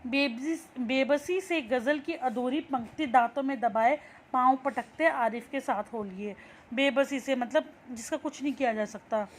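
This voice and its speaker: A woman's voice: high-pitched, a little slow, a little hiss or hum. A young woman teacher reading a textbook story aloud and explaining each line in simple words. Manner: reads a line, then restates it in simple words.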